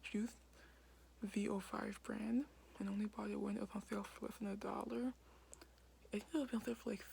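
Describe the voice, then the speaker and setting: A young woman vlogging in a hushed whisper late at night in a basement, filling her talk with "like" and "um". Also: mid-range voice, gravelly, a little hiss or hum. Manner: whispering quietly, many fillers like "like". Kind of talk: casual whispered vlog.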